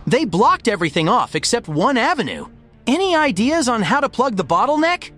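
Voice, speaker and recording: A man's voice: very high-pitched, sing-song, brisk, bright, forceful tone, soft background music, full character voice. A man voicing a cocky, kind-hearted young hedgehog hero in a comic dub, casual and slangy. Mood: urgent, focused.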